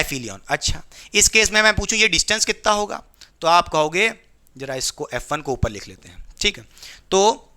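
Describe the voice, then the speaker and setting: A young man teaching physics in a lively call-and-response lecture, firing questions at his students and answering them himself. His voice sits high and sounds very bright and sharp, with a smooth, crisp tone. He slips in playful jokes as he explains. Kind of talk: classroom lecture.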